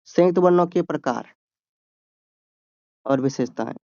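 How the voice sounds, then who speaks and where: A man's voice: a little high, unhurried, gravelly, darkish tone, dry recording, highs cut off. A man tutoring students for an exam, explaining grammar step by step and answering his own questions. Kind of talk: exam-prep grammar lesson.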